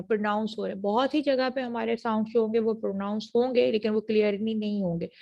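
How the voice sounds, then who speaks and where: A woman with a Pakistani accent giving an online university lecture on phonetics. She checks in with her students often and says each sound she teaches slowly and with care. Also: mid-range voice, gravelly, a little mellow, muffled recording. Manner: models sounds slowly and deliberately. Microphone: computer mic for an online class.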